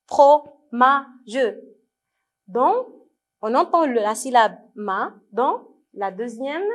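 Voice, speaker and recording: A woman teaching young children in a televised distance-learning lesson, her voice sitting a little high. She speaks slowly and patiently, stretching words out syllable by syllable. She asks the pupils questions and praises their answers. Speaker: primary school French teacher.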